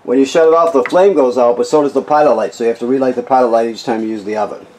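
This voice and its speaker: A man's voice: mid-range voice, fairly even intonation, rapid-fire, a little mellow, rough recording. A man giving an informal, instructional product walkthrough, explaining features plainly and often checking that he is followed. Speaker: RV walkthrough technician. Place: in and around a travel trailer.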